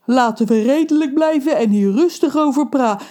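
A woman voicing a big, strong, reasonable giant man in a children's audiobook, calm and placating. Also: sits high, moderate pace, pitched above the performer's own voice, lightly acted.

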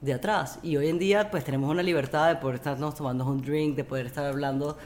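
A woman's voice: deep voice, steady tone, fast talker, darkish tone, a little hiss or hum. A woman in her forties hosting a podcast, chatting reflectively and dropping in English words. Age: 40s. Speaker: podcast host. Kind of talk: casual conversation.

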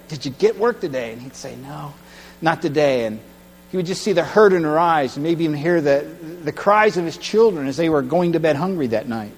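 A man preaching a sermon, retelling a story dramatically and swinging from hushed tones to loud cries. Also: on the high side. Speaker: pastor. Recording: long hall reverb with mains hum.

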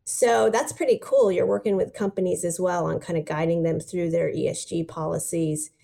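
A woman's voice: fairly low pitch, steady tone, normal speed, vocal fry, dark tone. A woman hosting an interview, chatty and enthusiastic, affirming her guest often. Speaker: interview host. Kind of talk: casual interview conversation.

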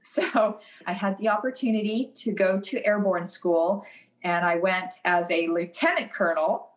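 A middle-aged woman looks back on her military career in a relaxed interview. She tells anecdotes easily and laughs at her own stories. Her voice sits at an ordinary middle pitch. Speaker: interview guest, retired Army officer. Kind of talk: casual storytelling interview.

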